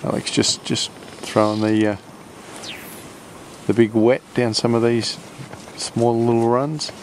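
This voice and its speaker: Male outdoor host, average pitch, casual and hesitant, recorded on a river with clear water noise. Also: flat delivery, poor audio. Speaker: fishing trip host. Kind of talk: casual outdoor vlog narration. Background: rushing water and boat sounds.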